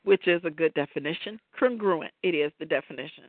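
A woman's voice: sits low, brisk, dry recording. A woman co-hosting a faith talk show, reflecting on scripture in a loose, chatty way. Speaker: podcast co-host. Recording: tinny phone-like line, dry.

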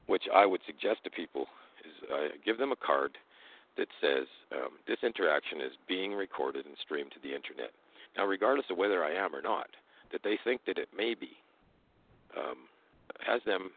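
A man's voice: very deep voice, expressive, normal speed. A man talks casually and explains things, his words slightly unclear and toothless without dentures, over a tinny phone-like line. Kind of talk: casual explanatory talk with hesitations.

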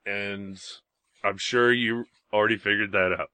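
A male talk radio host trades sarcastic remarks and reads headlines in a grumpy, blunt way. His voice is bright and forceful, recorded dry and close to the mic. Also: fairly low pitch, steady tone, measured pace, smooth, no echo. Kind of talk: casual talk radio chat and news reading.

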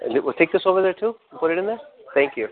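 A man's voice: high voice, animated, very fast. A man with an American accent chatting casually and informally with family and friends, using slang. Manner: informal, slangy, peppers talk with Spanish greetings. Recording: thin phone-like sound with people chattering.

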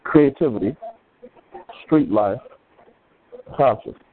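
A man hosts a podcast in loose, slangy conversation. His voice is mid-pitched and comes across thin and band-limited, like a phone line. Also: slow. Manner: easygoing, slangy. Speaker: podcast host. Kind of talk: casual chat. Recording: tinny phone-like sound.

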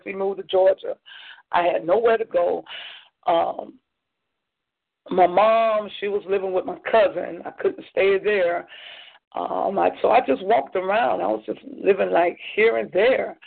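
A woman's voice: mid-range voice, creaky. A woman giving an earnest personal testimony as a guest on a call-in show, often repeating her phrases. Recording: phone line.

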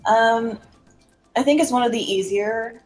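A woman chatting casually as a podcast guest, her voice coming through a low-quality microphone. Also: a little slow, a little mellow. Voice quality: thin cheap-microphone sound. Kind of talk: casual chat. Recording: low-quality mic, music behind.

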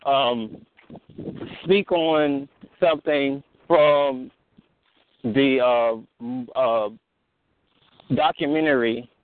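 A man hosting a call-in fellowship discussion, talking in a halting way with many fillers and restarts. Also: mid-range voice, no echo. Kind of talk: casual phone discussion. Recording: tinny phone line.

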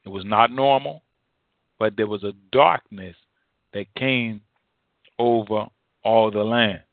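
A man preaching a Bible teaching sermon as an apostle, exhorting listeners directly in deliberate, halting phrases with emphatic repetition. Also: on the low side, no echo. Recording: thin phone-like band-limited audio.

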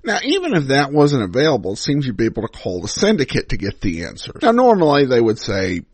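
A dry, close recording of an American man hosting a podcast. His casual commentary has lively, varied intonation at a middling pitch. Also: fast talker, husky, no room sound. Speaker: podcast host. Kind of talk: casual commentary on old radio serials.

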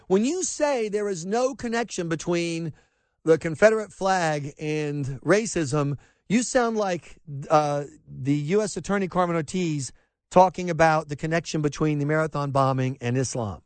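A middle-aged man from rural South Carolina, his voice a little high and his speed normal, hosts a talk radio show with an impassioned opinion monologue. He often restarts and adds mocking asides, recorded on a dry, echo-free close studio mic.

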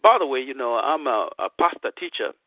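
Animated man on a tinny phone line. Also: mid-range voice, brisk, no echo. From Zambia. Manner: hesitant, many fillers, emphatic rises. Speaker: pastor and radio host. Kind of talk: casual radio talk.

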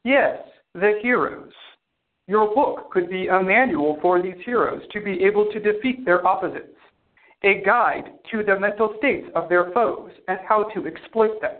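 A man's voice: high-pitched, moderate pace, close to an everyday voice. A man voicing a cold, formal male artificial intelligence that speaks precisely and without emotion. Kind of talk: audio drama acting. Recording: tinny phone-like sound.

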